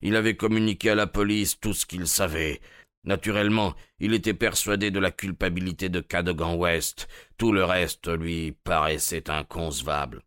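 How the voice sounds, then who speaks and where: Man doing a grieving colonel, low, subdued, halting, clear dry audiobook voice. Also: fairly even intonation, fairly bright tone, dry recording. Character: grieving middle-aged colonel, subdued, curt.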